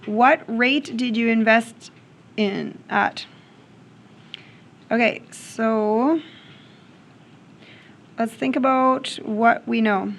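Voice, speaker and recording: In a classroom with students, a woman teaches math, working problems aloud and frequently checking in with "okay?". Her voice is on the high side with fairly even intonation, and she speaks extremely slowly, pausing often.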